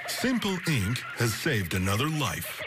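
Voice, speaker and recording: Animated male nature-documentary narrator over music. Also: medium pitch, a little slow. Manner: mock-serious, dramatic storytelling delivery. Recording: music under the voice.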